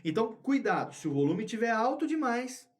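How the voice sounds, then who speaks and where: Brief: male podcast instructor, high voice, explanatory, repeats points, studio mic. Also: very animated, brisk. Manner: explanatory, repeats key words for emphasis. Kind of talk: recorded tutorial lesson. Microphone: studio microphone with headphones.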